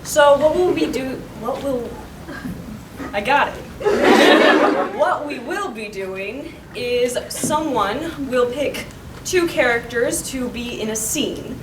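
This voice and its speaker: A woman's voice: high voice, animated, slow pace, heavy background noise. A woman on a cosplay panel explaining the next game in a bubbly, giggly way. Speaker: cosplay panelist running the games. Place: large convention hall. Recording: echoey hall, distant mic, loud crowd.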